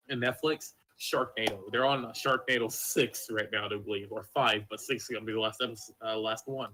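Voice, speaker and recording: A man's voice: mid-range voice, sharp tone, low-quality recording. Offhand young man on a podcast. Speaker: podcast co-host. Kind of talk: casual chat.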